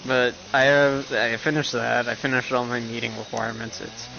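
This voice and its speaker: A young man chatting loosely over his gameplay, swearing often and losing his train of thought. His voice is gravelly and average in pitch. The audio is dull and lo-fi, with a faint hiss underneath. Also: flat delivery, moderate pace, pushed and bright. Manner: rambling, profane, self-interrupting. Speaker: gaming streamer. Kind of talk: casual rambling commentary.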